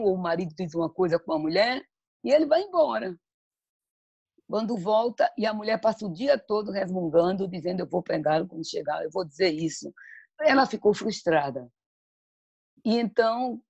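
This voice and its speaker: A woman's voice: mid-range voice, a little mellow, highs cut off. A woman speaking at a church talk on motherhood, telling stories and reading scripture in a reflective way. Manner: reflective, storytelling, quotes scripture.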